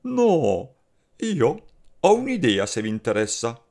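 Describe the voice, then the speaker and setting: Man voicing a confident friendly swallow for a storybook tale; coaxing, lively, a bit gravelly. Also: medium pitch, slow, pitched above the performer's own voice, heavily acted. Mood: encouraging.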